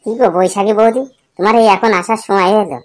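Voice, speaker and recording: A woman's voice: mid-range voice, steady tone, fast talker, lightly acted. A woman voicing a fretful, grumbling young village man in a cartoon. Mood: fed-up. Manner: grumbling, swears a lot. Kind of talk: cartoon voice acting.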